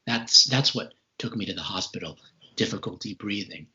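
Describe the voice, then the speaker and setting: Still short of breath as he recovers from a serious respiratory illness, this man in his forties gives a halting, measured account of what he went through, speaking as an interview guest. His voice sits on the low side and sounds pushed and bright over dull, lo-fi call audio.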